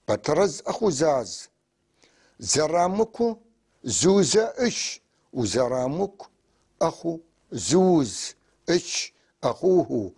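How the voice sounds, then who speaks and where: Guy teaching a lesson, gravelly husky voice, slow careful spelling out. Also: a little high, a little mellow. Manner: slow, deliberate spelling-out of sounds. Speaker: language teacher. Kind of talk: classroom lesson.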